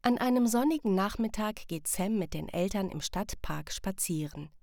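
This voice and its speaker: A woman calmly narrating a scripted children's story. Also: mid-range voice, moderate pace, creaky, dry recording, studio quality.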